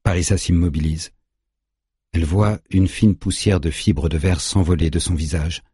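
A man narrating an audiobook in a grave, measured way, recorded on a close studio mic. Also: deep voice, fairly even intonation, mellow, slightly rough, dry recording.

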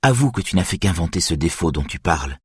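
A man reading an audiobook, voicing a sharp-tongued, impatient middle-aged wife with a strident, insistent voice. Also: sits low, very animated, fast, husky, no room sound, clean studio sound, exaggerated voice. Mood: shrill, scolding.

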